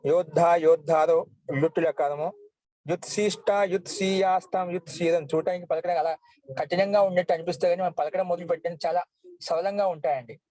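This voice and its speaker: Teacher guy, slightly high voice, dry close sound, reads out verb forms slow. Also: fairly even intonation, warm tone, no room sound, poor audio. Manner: recites verb forms slowly, one by one. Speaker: Sanskrit grammar teacher. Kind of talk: online class lesson.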